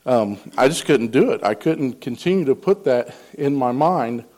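A man's voice: mid-range voice, lively intonation, moderate pace, a little mellow. Earnest rambling man sharing faith. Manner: rambling and earnest, with frequent ums and restarts; acts out quoted dialogue in a raised voice. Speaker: lay speaker sharing a devotional. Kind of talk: casual personal testimony.

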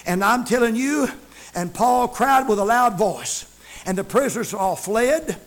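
A male preacher, delivering a sermon in a shouting, chanting cadence. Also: very high voice, lively intonation, unhurried.

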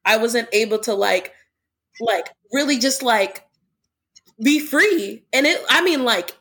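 A woman's voice: fairly high pitch, lively intonation, slow, sharp tone, husky. Young woman hosting a casual podcast. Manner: earnest, lots of "like" fillers. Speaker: podcast host. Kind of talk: casual chat.

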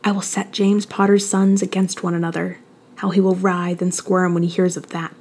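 A woman reading the part of a cold, sly male schoolmaster who speaks with soft, purring menace. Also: fairly low pitch, flat delivery, moderate pace, slightly rough. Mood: scheming. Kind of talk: fan fiction audiobook reading.

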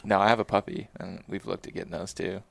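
Low gravelly man with faint noise. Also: fairly even intonation, quick pace, a bit bright, no room sound. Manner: giggly, joking. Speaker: product review show panelist. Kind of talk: casual chat.

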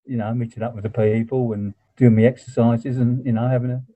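A man being interviewed, reflecting personally in a halting, conversational way. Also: mid-range voice, flat delivery, warm tone, muffled recording. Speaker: exercise class member being interviewed.

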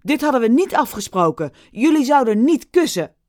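Enraged man running the stage, barking orders loudly, voiced by a woman; storybook reading. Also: sits high, sing-song, moderate pace, no room sound, studio quality, voice pushed up. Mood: furious. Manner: loud, outraged barking of orders. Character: furious male theatre director.

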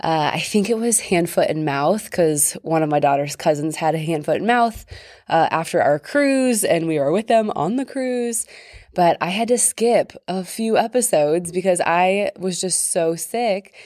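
A woman's voice: lowish voice, lively intonation, a little slow, darkish tone, dry recording, clean studio sound. A woman hosting her own podcast at home, chatty and upbeat with lots of fillers, still getting over an illness and a little short of breath. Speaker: podcast host. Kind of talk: solo podcast monologue.

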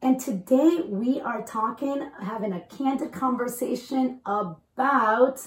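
Echoey host chatting candidly. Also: female voice, fairly high pitch, slow. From El Salvador. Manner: candid, conversational, drops Spanish phrases. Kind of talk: casual podcast chat. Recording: echoey room.

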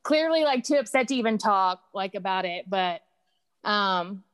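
Woman chatting casually, smooth clear voice, candid, a bit halting, no room echo. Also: medium pitch, animated. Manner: candid, halting, uses "like" often. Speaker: guest sharing personal experiences. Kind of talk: casual conversation.

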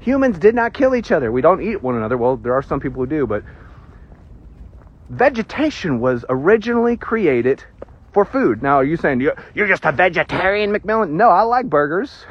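Male preacher, high and lively, husky, casual teaching tone with jokes, dull lo-fi recording. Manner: animated, joking asides, emphatic pauses. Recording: dull lo-fi sound.

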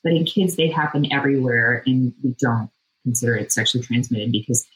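A woman's voice: a bass voice, brisk, rough recording. A middle-aged woman, a dermatologist guest, explains things casually in informal, plain words. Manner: informal, plain-worded, frequent "you know" and "like". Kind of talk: casual explanatory interview talk.

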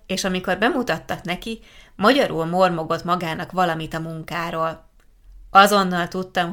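Woman podcast host, kinda low voice, calm clear reading, easy chat. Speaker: podcast host for Hungarian learners. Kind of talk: casual podcast chat and reading a letter aloud.

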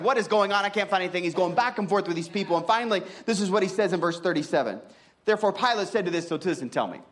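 A young adult man preaching a sermon as pastor, emphatic and full of rhetorical questions, his pitch rising and dropping widely.

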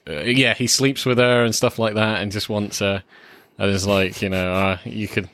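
A man's voice: fairly low pitch, fairly even intonation, moderate pace, a bit bright, a little hiss or hum. A man co-hosting a casual film review chat, laid-back and hesitant, with many fillers. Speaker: film review podcast co-host.

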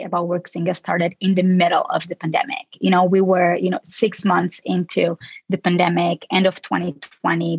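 A woman's voice: on the low side, husky, no echo, highs cut off. A woman from Portugal, a guest in a casual interview who answers thoughtfully and often restarts her sentences. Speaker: guest, psychologist.

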